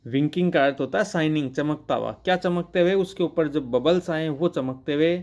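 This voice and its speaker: Reading a poem slowly, one line at a time, this English literature teacher explains every line in Hindi. His voice is a little high and a bit mellow, and he often asks questions only to answer them himself.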